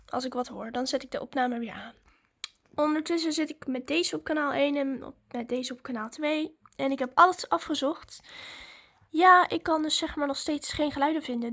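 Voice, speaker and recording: A woman with a high-pitched, slightly bright voice chats informally to her viewers in a casual vlog. She is chatty and describes her own actions as she performs them.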